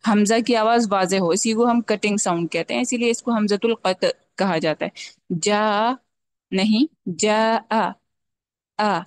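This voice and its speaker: A woman teaching a Quran recitation class, explaining patiently step by step and slowly drawing out sounds to demonstrate them. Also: medium pitch. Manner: checks in often with a repeated "okay". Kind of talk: online tajweed lesson.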